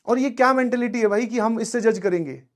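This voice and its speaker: This young adult man has a very high voice and a brisk pace. As a teacher, he delivers a conversational pep talk to his students, regularly checking their understanding.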